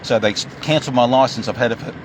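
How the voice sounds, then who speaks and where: A man's voice: medium pitch, very fast. An Australian man arguing with police at the roadside, rambling and repeating "mate". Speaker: driver pulled over. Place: roadside in a vehicle. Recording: street noise and traffic. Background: traffic noise.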